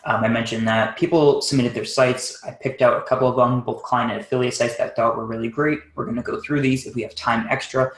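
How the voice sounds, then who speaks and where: A man giving a live SEO site audit on a webinar, talking quickly and casually while thinking aloud, with plenty of fillers. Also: medium pitch, fairly even intonation, roomy sound, low-quality recording. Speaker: SEO consultant.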